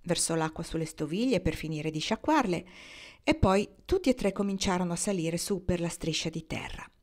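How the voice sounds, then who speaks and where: A woman narrating a novel aloud in a steady, expressive storytelling manner. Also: fairly low pitch, a little fast. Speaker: audiobook reader.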